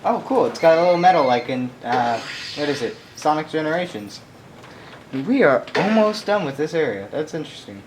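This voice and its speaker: A young man giving casual, excitable, rambling commentary on a game he is playing. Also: a little high, normal speed, background noise. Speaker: gameplay commentator. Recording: loud game music behind.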